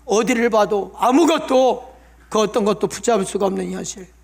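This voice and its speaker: A man's voice: sits high, brisk, vocal fry. A male pastor preaching in a church, giving an emotional testimony with pleading prayers. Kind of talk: sermon. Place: church sanctuary.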